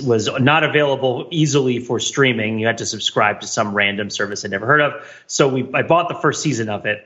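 A middle-aged American man co-hosts a casual podcast, his mid-range voice bright and forward. He rambles through his points like an eager storyteller, and the audio sounds a bit dull.

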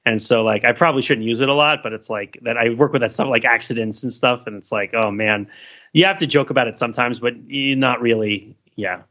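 An American podcast co-host riffs over a call in a rambling, casual, joking group discussion. His medium-pitched voice is steady, a little fast, pushed and bright, though the audio is dull.

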